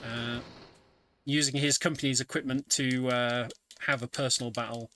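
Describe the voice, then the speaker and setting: His voice sits at medium pitch with a steady, bright and forceful tone at a moderate pace, and there's a little hiss or hum. He's a speedrunner casually commentating his own run, walking through the story as he plays.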